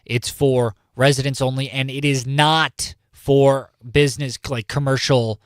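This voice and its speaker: Guy hosting morning radio news, chatty and jokey, repeats himself a lot, dry studio mic, average pitch. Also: level tone, measured pace, no echo. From California. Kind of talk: casual talk radio news. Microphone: studio microphone.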